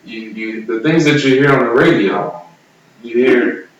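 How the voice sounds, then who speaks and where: A man's voice: mid-range voice, unhurried. A laid-back man, co-hosting a casual chat show. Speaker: show co-host. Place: echoey room, away from the mic. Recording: very echoey room, distant mic, faint noise.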